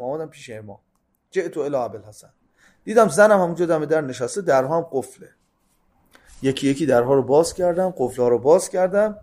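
A man with a mid-range voice delivers a sermon-style religious talk built around hadith stories. He recites lines in classical Arabic, then retells them in easygoing colloquial speech, alternating between loud, emphatic phrases and soft, rapid asides.

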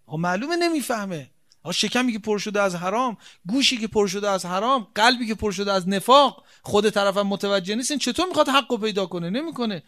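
A male preacher with a high, bright voice delivers a religious sermon. He leans hard on repetition and rhetorical questions, and his volume swings from hushed asides to forceful stresses. His delivery stays emphatic and insistent throughout. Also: expressive. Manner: emphatic, repeats key phrases, rhetorical questions.

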